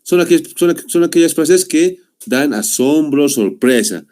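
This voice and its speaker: A young man's warm, fairly high voice moves with lively intonation at a moderate pace as he teaches an online class on a video call. His manner is patient and explanatory, with a "¿no?" after each point and frequent repetitions of "muy bien."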